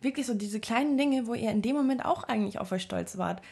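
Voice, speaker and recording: A woman's voice: a little high, fast, vocal fry, darkish tone, husky. A young woman speaking to her viewers in a casual, reflective monologue, giving earnest self-help advice with lots of fillers and restarts.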